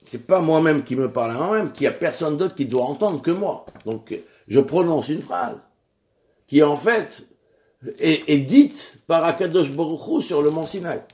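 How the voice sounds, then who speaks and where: A man teaches a religious lesson in a measured way, with frequent restarts and pauses, raising his voice on key words and questions. His voice is a little high, animated and a little mellow.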